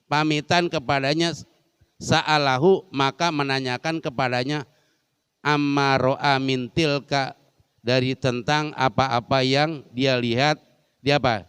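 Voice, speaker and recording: A man's voice: on the high side, fairly bright tone, smooth, no room sound, clean studio sound. A man teaching a humorous Islamic study lesson in a large mosque, joking and constantly quizzing the women listening. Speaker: religious teacher.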